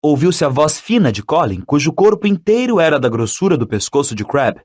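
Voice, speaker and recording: A man narrating an audiobook in an expressive, dramatic reading style. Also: fairly high pitch, fairly quick, slightly rough.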